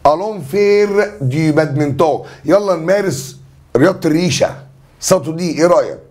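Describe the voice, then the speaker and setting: Fast-talking Egyptian man teaching French. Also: fairly high pitch, a little mellow. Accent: Egyptian Arabic. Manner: chatty, joking, brisk teacher explaining answers. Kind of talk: exam review lesson.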